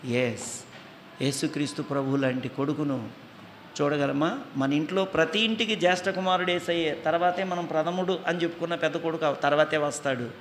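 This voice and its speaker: A man preaching a sermon with a Telugu accent, reciting slow dramatic English lines, then explaining them and acting out voices in his stories. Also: on the high side, steady tone, a little hiss or hum. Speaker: pastor. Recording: echoey hall with faint ambience.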